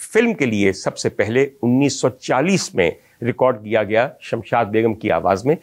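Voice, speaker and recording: This host, a man from Pakistan and a historian of film music, tells his audience about old film songs in a reminiscing, ornate style. His mid-range voice has lively intonation and moves at normal speed.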